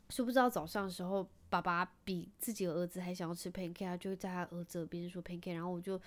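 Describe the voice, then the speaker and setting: A woman in her thirties with a Taiwanese Mandarin accent hosts a casual chat, spilling family stories at a brisk clip. Her tone is wry and self-mocking, and she drops English words in here and there. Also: mid-range voice. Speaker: podcast host, mother.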